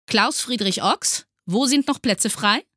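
A woman's voice: fairly high pitch, measured pace, sharp tone, no room sound, studio quality, pitched above the performer's own voice. A woman voicing a strict male schoolteacher who barks harsh commands in a storybook reading. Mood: stern. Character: strict shouting male schoolteacher, stern and bossy.

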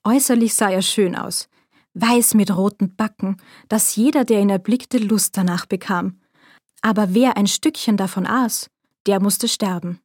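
A woman telling a fairy tale aloud in a measured, expressive storyteller manner. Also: medium pitch, no room sound, studio quality.

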